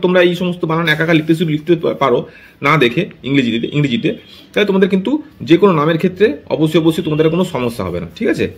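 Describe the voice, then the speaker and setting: A man with a fairly high voice talks fast through an English pronunciation lesson given in Bengali. He keeps checking that his students follow, and he slows down on each example word so they can copy it. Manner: checks in often with a tag question; slows down to spell out example words. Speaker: English teacher.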